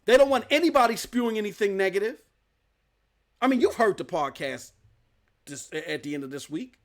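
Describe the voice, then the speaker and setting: A man's voice: sits high, lively intonation, a little fast. A man hosting a live gaming news stream, ranting emphatically with slang and rhetorical questions.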